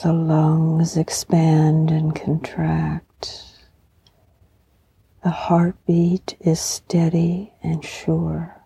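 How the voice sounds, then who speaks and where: A woman podcast host leading a guided meditation in a serene, soothing, soft and breathy voice that often nears a whisper. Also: deep voice, monotone. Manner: serene, soothing, slow and unhurried. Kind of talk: guided meditation with poetry reflection.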